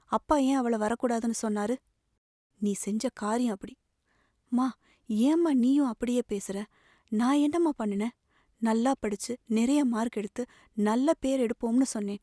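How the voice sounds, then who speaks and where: A woman's voice: a little high, moderate pace, long pauses, dark tone, no echo, clean studio sound, natural voice. A woman reading the part of a young man, a tender, protective elder brother pleading earnestly. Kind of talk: audiobook novel reading.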